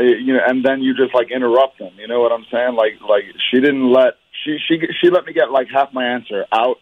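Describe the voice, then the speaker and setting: Man on speakerphone, phone-line sound, casual rambling chat, keeps saying "man". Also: lowish voice. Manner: rambling, filler-heavy, says "man" a lot. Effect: heard over speakerphone on a phone line. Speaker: dating show call recipient.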